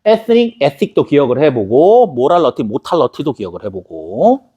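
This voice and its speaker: Man, english teacher, recorded lecture, animated swooping pitch, slightly husky, chatty asides. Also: moderate pace, lo-fi sound. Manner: lively, chatty, spells words syllable by syllable, jokes aside. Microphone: camera recording a lecture.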